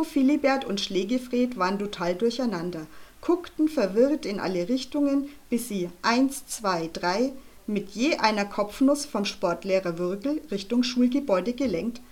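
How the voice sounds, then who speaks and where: A woman narrating a children's book in a lively, expressive way. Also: medium pitch, unhurried. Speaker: audiobook reader.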